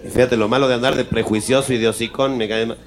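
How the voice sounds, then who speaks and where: A man with a Mexican accent telling a crude, rapid stand-up story, often jumping into high squeals. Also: fairly even intonation. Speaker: stand-up comedian. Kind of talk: stand-up routine. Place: live venue with audience. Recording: live show with crowd and noise.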